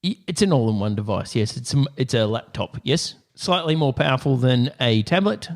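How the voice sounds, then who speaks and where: Male co-host, mid-pitched, quick banter, frequent laughs, recorded in an office. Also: lively intonation. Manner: quick, chatty, laughs often. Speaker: podcast co-host. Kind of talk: casual comedic chat.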